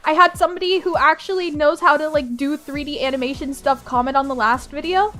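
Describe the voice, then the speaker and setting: A woman's voice: high-pitched, a little fast, bright, forceful tone, faint music behind. A young woman streamer with a groggy morning voice, chatting casually, bubbly and giggly, repeating her phrases as she greets viewers. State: groggy morning voice, just woke up. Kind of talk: casual live-stream chat.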